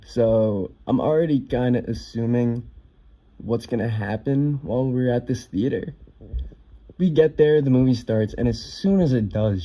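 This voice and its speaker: A man's voice: medium pitch, warm tone. A young man casually telling a personal story, offhand, swearing now and then with lots of fillers.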